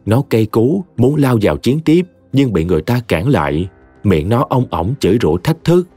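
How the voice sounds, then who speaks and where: A man narrating a short story in a dramatic, expressive audiobook reading. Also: medium pitch, normal speed, slightly rough. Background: soft music.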